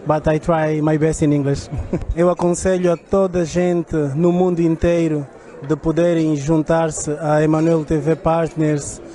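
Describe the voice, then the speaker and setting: A man from Portugal with a Portuguese accent, a native Portuguese speaker, giving a halting testimony in English full of fillers as an interviewee. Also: fairly high pitch, little pitch movement, warm tone. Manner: hesitant, many fillers. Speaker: interviewee, church partner. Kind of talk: halting testimony in a second language.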